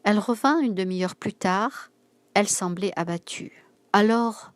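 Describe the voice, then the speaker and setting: A woman's voice: medium pitch, normal speed, no echo. Woman reading a novel aloud. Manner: steady, clear storytelling with voiced dialogue. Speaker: narrator.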